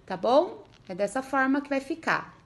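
A Brazilian Portuguese woman with a high voice teaches first graders their letters. She speaks slowly and patiently, sounding out each syllable and often checking that the children are following. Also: big pitch swings. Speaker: primary school teacher. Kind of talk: remote literacy lesson for first graders.

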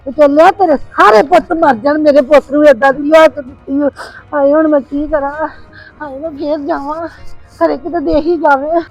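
A woman's voice: high voice, fairly even intonation, moderate pace, faint music behind, low-quality recording. A woman with a Punjabi accent playing a worried mother who pleads with her son and wails over her family's fate. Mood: lamenting. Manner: pleading, wailing, scolding. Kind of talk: village drama acting.

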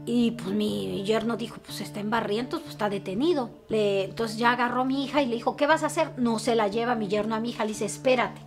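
A woman's voice: on the high side, fast talker, few pauses. A middle-aged woman with a Mexican Spanish accent, grieving, telling a painful story with anguish and voicing the words of others. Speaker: interviewee, bereaved mother. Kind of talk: emotional personal testimony. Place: her family home. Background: soft guitar music.

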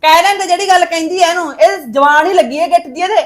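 A scolding, taunting mother in a family drama, played by a woman. Her voice sits very high and the words tumble out quickly. She needles everyone around her. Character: sharp-tongued meddling mother-in-law figure, woman. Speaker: visiting mother of the daughter-in-law.

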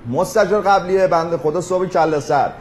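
A man's voice: high voice, a little hiss or hum, close to an everyday voice. A man playing a slick evasive middleman. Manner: slick, evasive, lawyerly ("firstly, secondly"). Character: smooth evasive property middleman. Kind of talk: sitcom acting.

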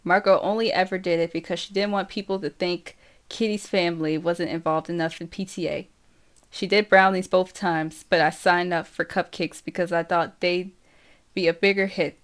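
Slow, steady woman reader. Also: on the low side. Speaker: audiobook reader. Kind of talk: first-person novel narration.

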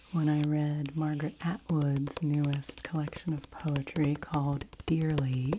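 Reviewing library books for an ASMR video, a woman in her 40s talks in a low, near-whispered library voice, slow and gentle, frequently dropping into an unvoiced whisper. She sits in a small home room with a bookshelf, a fur-covered microphone close in front of her, and the close-mic sound is hissy.

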